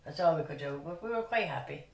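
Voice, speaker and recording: A woman's voice: deep voice, expressive, fast, creaky. A woman, reminiscing chattily about her youth. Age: 60s. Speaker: interviewee. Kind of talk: casual reminiscing. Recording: echoey room, distant mic.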